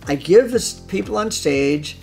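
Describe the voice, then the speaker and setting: A man with a fairly high, gravelly-creaky voice talks in an explanatory interview style as a hypnosis trainer. He is emphatic and repeats phrases to stress them. Light music plays behind him. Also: lively intonation, normal speed, darkish tone.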